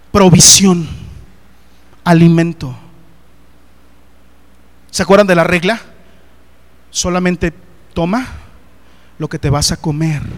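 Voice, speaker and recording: A man preaching a sermon, animated and often putting questions straight to the congregation. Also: high voice.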